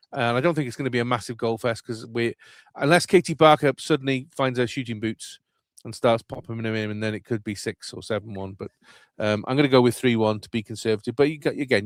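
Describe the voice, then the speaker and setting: Bloke hosting a fan football pod, easygoing and rambly, dry close sound. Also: male voice, medium pitch, dry recording. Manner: chatty, rambling with fillers. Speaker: podcast host. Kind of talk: casual football chat.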